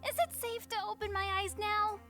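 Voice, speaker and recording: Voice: extremely high pitch, a little fast, bright, forceful tone, faint music behind. A performer voicing a cheerful, teasing teenage girl stage magician in fan game voice acting. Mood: cheeky. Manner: bubbly, teasing.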